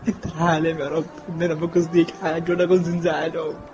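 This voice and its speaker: A man's voice: on the high side, level tone, racing, background noise, natural voice. A man playing a grown son who has been thrown out by his family, speaking in a hurt, pleading way.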